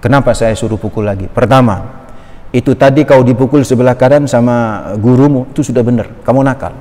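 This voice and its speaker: A man's voice: medium pitch, fairly quick, dark tone, natural voice. A male preacher voicing his stern, resolute grandmother as she scolds a boy, in a reverberant hall. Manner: firm, resolute.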